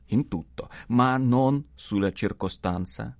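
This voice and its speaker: A man's voice: medium pitch, slow, a little mellow, no echo. A man voicing a proud, hot-tempered young diplomat who speaks with indignant emphasis, in a dry, close recording. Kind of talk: audiobook dialogue reading.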